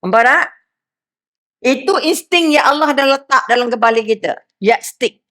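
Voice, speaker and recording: A middle-aged woman with a Malaysian accent giving a lively religious lecture, often asking her listeners questions and acting out little quotes. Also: sits high, normal speed. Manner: lively, asks the crowd questions, acts out quotes. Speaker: preacher.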